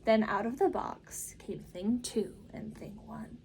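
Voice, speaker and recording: A woman reading a children's storybook aloud as narrator, with expressive, rhythmic and emphatic delivery. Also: on the high side, takes it slowly, a little hiss or hum.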